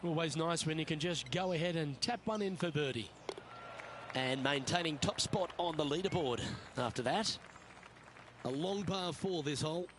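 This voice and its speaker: High-pitched male golf commentator. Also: normal speed, noisy background. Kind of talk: live golf play-by-play commentary.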